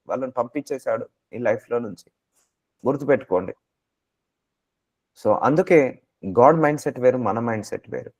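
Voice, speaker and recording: A man's voice: mid-range voice, a little mellow. A man preaching a sermon, exhorting listeners with repeated phrases and English mixed in.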